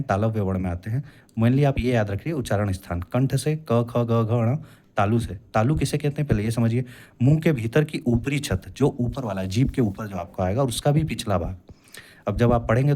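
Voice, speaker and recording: A man's voice: mid-range voice, dark tone. A young man teaching a classroom lecture as an exam coaching teacher, patiently explaining and drawing out sounds to demonstrate them.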